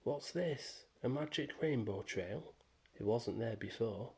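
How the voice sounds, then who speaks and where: A man's voice: mid-range voice, expressive, takes it slowly, a little mellow, breathy edge, full character voice. A man doing an anxious, polite little boy. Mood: surprised. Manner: stammering, eager questions.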